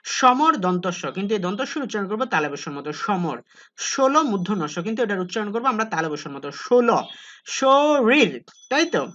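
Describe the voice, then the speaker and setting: A woman's voice: mid-range voice, very animated, a little fast, fairly bright tone, dull audio. A woman tutor explaining exam answers step by step, asking and answering her own questions. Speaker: Bangla tutor. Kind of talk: exam-prep lesson.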